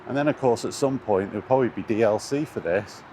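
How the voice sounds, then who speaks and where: A man's voice: fairly low pitch, quick pace, warm tone. A man giving a casual, rambling vlog chat in a hesitant, laid-back way, recorded on a handheld camera outdoors. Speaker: gaming YouTuber. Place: outdoors, walking near traffic. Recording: noisy outdoor recording with urban traffic. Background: outdoor urban and vehicle noise.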